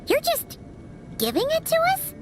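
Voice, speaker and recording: A woman voicing a small, excitable female fairy companion in a video game, childlike, chatty and dramatic. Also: normal speed, full character voice. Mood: excited. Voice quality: squeaky, childlike. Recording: music under the voice.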